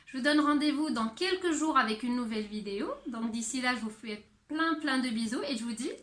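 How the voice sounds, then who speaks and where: A woman teacher giving a handwriting and sounds lesson to young children, speaking slowly and clearly. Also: high voice, a bit bright, reverberant. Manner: slow, clear teacher talk addressed to children. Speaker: primary school teacher.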